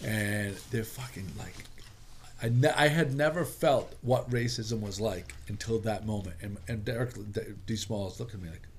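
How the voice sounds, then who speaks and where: A man's voice: lowish voice, moderate pace, a little hiss or hum. A man in casual chat who tells stories with lots of swearing and restarts. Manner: profane, storytelling with many restarts.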